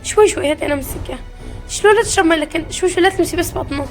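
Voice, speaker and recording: Young woman hosting a family vlog, rapid-fire and doting, over background music. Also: very high voice.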